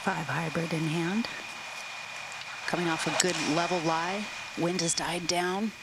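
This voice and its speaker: A woman's voice: lowish voice, fairly even intonation, unhurried. A woman giving live golf commentary as a course analyst. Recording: very noisy outdoor sports broadcast. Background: loud outdoor ambience.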